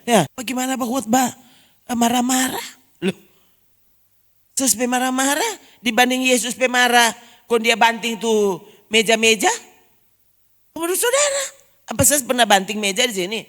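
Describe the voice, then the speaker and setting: A woman's voice: on the high side, expressive, moderate pace, pauses often, fairly bright tone. Woman pastor, emphatic sermon, rhetorical questions, long church reverb.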